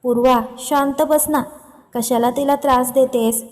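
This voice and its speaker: A woman's voice: sits high, steady tone, measured pace, a little mellow, big-room sound. A woman voicing a stern watchful aunt. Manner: stern, warning tone. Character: watchful strict older aunt.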